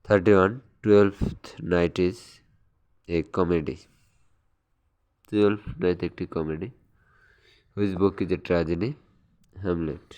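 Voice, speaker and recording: In an exam-prep lesson, a man reads quiz questions and answers one by one, taking the questions slowly and then explaining in quick asides, with hesitations and fillers along the way. His low voice is steady, darkish, clear and resonant, though the audio sounds dull.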